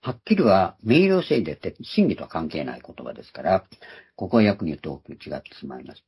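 A man preaches a Bible lesson in a husky, breathy voice that sits fairly low. His pitch swings widely as he stresses and repeats the key words. The recording sounds dull and lo-fi. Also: very animated, fast. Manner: explains term by term, repeating key words for emphasis. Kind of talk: Bible teaching sermon.

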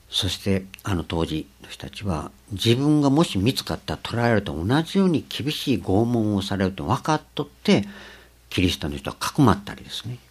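An older man giving a slow, reflective sermon, pausing often with fillers. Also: low voice, breathy edge. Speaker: preacher.

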